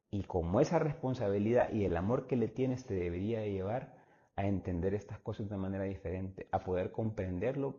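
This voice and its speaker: A man's voice: on the low side, warm tone. A middle-aged man and former preacher giving an earnest, preachy talk on parenting, speaking straight to the listener. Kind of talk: reflective monologue on parenting. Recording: dull lo-fi sound.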